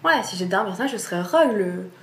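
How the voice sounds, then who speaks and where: A woman's voice: medium pitch, expressive, fast talker. A young woman talks to her camera about books in a chatty, enthusiastic way, often restarting her sentences. She sits at home, recorded on a camera mic. The room is noticeably echoey. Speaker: book vlogger. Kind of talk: casual chat to camera.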